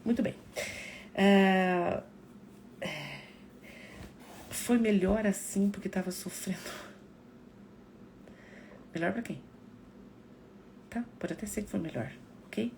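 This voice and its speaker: A woman psychologist talks straight to her live-stream viewers, acting out the remarks people make. Her voice carries a gravelly creak, and faint noise hums behind her. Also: mid-range voice, slow, pauses often. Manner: expressive, acts out quoted remarks.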